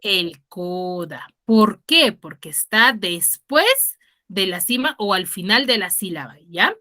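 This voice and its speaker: A woman's voice: medium pitch, animated, measured pace, sharp tone. A woman teacher giving an online class, explaining patiently and checking on her students with frequent questions. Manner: patient, explanatory, stresses key words.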